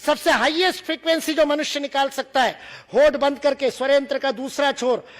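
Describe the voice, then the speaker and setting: A man's voice: extremely high pitch, fairly even intonation, a little fast, soft background music. A man from India lecturing to students, demonstrating sounds and teasing the audience with humor.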